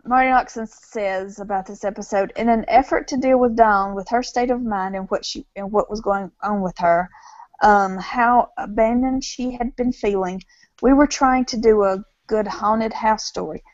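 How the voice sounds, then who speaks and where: A woman's voice: mid-range voice, normal speed, dry recording. A woman co-hosting a casual fan discussion podcast, reading quotes and asking questions. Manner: reads quotes, asks questions, laughs often. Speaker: podcast co-host. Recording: dull lo-fi podcast audio.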